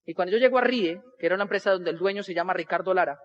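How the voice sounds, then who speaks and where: A man's voice: high voice, very fast, highs cut off. A Colombian man telling a humorous life story to an audience, acting out the people in it. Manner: animated, acts out other people's voices in dialogue.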